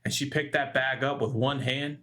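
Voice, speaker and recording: Bright-voiced man rambling through movie picks. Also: medium pitch, steady tone, moderate pace. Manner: rambling storyteller, many fillers and restarts. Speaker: podcast co-host. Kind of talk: casual chat.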